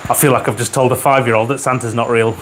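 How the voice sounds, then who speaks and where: Male livestream host, mid-pitched, chatty and dryly funny, frequent throat-clearing, faint room hiss. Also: level tone, fast talker, low-quality recording. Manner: chatty, reads out viewer comments with dry humor. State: keeps clearing his throat. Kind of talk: casual live chat. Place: home garage with a model railway layout. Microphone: wearing a microphone.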